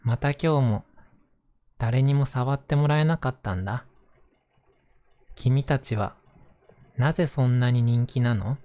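A man voicing a lonely, timid and kind little toy doll from a storybook, in a soothing, gentle manner. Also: medium pitch, unhurried, long pauses, natural voice. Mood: downcast.

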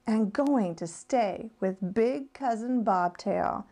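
A woman, a speech-language pathologist, reading a children's picture book aloud in an expressive, sing-song way. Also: medium pitch, takes it slowly.

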